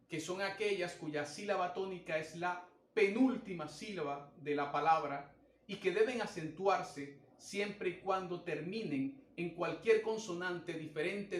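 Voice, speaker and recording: A man's voice: sits high, reverberant. A man teaching a grammar lesson, explaining step by step and counting out syllables. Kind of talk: recorded language lesson.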